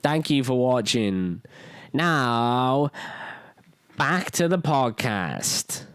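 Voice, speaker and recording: A man's voice: mid-range voice, very animated, very slow, a bit bright, smooth, no room sound. A man hosting a podcast, commentating his gameplay with exasperated, swearing complaints. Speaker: podcast host. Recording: game audio and music playing behind.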